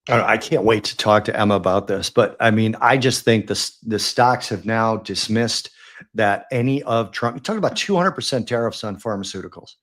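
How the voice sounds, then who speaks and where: A man's voice: fairly low pitch, a little fast, a bit bright. A middle-aged man from the United States co-hosting a trading show, talking bluntly and wryly in casual market chat. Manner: blunt, wry, talks in restarts.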